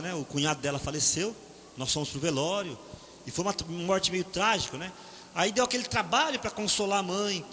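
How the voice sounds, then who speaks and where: Middle-aged Brazilian preacher, bright sharp tone, folksy storyteller, faint room noise. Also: male voice, high voice. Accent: Brazilian Portuguese. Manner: conversational, frequent "né?" tag questions; acts out quoted voices in storytelling. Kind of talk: sermon with personal stories. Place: church hall. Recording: reverberant hall, faint ambient noise.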